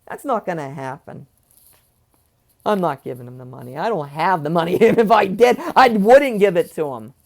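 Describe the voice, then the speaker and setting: Speaking at a normal speed, a young male vlogger with a high, creaky, animated voice vents his anger, swearing freely and going off on tangents.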